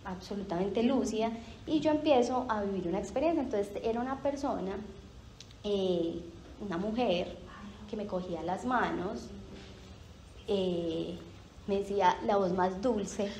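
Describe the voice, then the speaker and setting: A woman giving an emotional personal testimony at a Bible study group. She speaks into a handheld mic, halting and repeating phrases, with many fillers. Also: mid-range voice, dark tone. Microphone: handheld microphone. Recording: roomy hall with faint background noise.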